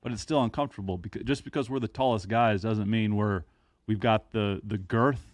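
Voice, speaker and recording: A man's voice: on the low side, fairly quick, no echo. A man in his thirties hosting a podcast in casual chat, with dry, self-mocking humor. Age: 30s. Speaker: podcast host.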